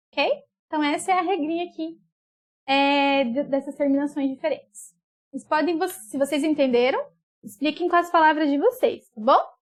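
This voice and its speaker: A woman's voice: sits high, a bit bright. A woman schoolteacher explaining a lesson patiently, drawing words out and checking in with her pupils often. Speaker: school teacher. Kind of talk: remote class explanation.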